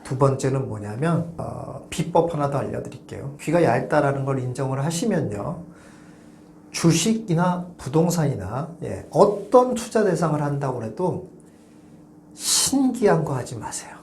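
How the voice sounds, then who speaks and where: A man's voice: medium pitch, lively intonation, unhurried, a little mellow, roomy sound, a little hiss or hum. A man hosting a real estate channel, giving emphatic advice to viewers and punctuating his points with short repeated refusals and fillers.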